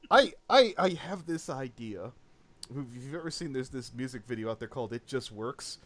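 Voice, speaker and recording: A man's voice: mid-range voice, fairly quick. A man hosting a casual podcast chat, reading messages aloud with frequent laughs and mocking asides. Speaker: podcast host.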